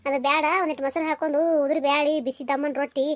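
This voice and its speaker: A woman's voice: high-pitched, level tone, racing, no room sound, lightly acted. A woman voicing a caring but nagging older village mother in a cartoon, coaxing and scolding her daughter. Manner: coaxing, nagging, talks over and over. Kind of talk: cartoon voice acting.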